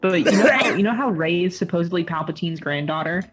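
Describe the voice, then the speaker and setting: A woman's voice: fairly low pitch, expressive, fast talker, faint music behind. A young woman co-hosting a casual podcast chat, joking in a dry way. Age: young adult. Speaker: podcast co-host.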